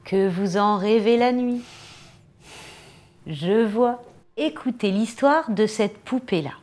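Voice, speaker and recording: A woman's voice: mid-range voice, slow pace, a little mellow, close to an everyday voice. A woman playing a tiny, teasing storyteller woman.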